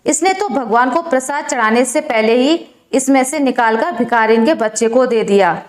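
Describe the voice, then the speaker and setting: A sharp-tongued older mother-in-law, as a woman storyteller voices her nags and scolds in a fairly high voice. The narration has a roomy echo around it. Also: normal speed, lightly acted. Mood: scolding. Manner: sharp, nagging.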